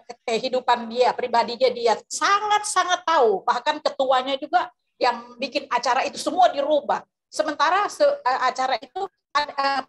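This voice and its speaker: A woman's voice: high-pitched, a bit bright. A woman preacher tells a story over a video call, rambling with many fillers and restarts. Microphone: video call microphone.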